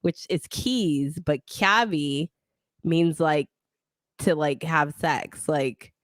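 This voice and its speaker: A woman's voice: low-pitched, steady tone, slow pace, no echo. Podcast host, woman, native Italian speaker; bubbly, casual, dry close sound. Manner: bubbly, laughs often. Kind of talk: casual chat.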